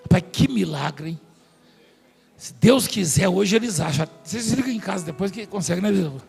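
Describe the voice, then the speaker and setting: A man with a high, creaky, slightly mellow voice preaches a sermon in a large church hall at a moderate, animated pace. He tells stories and jokes with the congregation and staff, while long hall reverb and faint music fill the recording.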